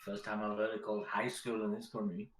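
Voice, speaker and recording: A man's voice: on the low side, level tone, fast talker, reverberant, background noise. A man co-hosting a casual livestream chat, wry and teasing.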